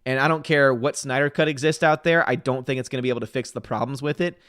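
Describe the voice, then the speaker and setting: A man in his thirties hosts a casual livestream, reading viewer comments aloud and offering his opinions with quick asides, chatty and opinionated, though his voice sounds a bit tired. He speaks at medium pitch with fairly even intonation and a fairly bright tone. The audio is studio quality with no echo.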